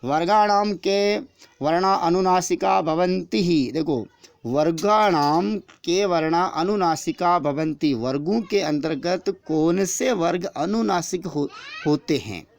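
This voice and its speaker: A man's voice: high voice, slow pace, vocal fry, no echo. A man teaching an exam-prep grammar lesson, explaining step by step and repeating each answer after asking the question himself.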